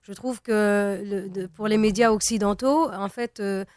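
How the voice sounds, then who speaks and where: A young woman from Tunisia, a native Arabic speaker, talks through an interview as a singer, pausing often and restarting her sentences. Her voice is smooth and resonant, recorded close and dry. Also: medium pitch, fairly even intonation, darkish tone, no room sound. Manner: hesitant, many fillers and restarts. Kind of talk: interview conversation.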